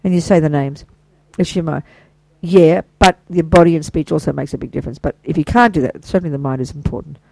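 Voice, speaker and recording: An older Buddhist teacher giving an informal, chatty dharma talk to a small group, enthusiastic and quick with praise and asides. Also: medium pitch, creaky, dark tone, no echo, rough recording.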